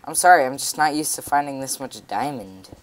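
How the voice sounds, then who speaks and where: A man's voice: mid-range voice, expressive, a little fast. A man in a casual game commentary who plays alongside the host and blurts out his finds. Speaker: co-player.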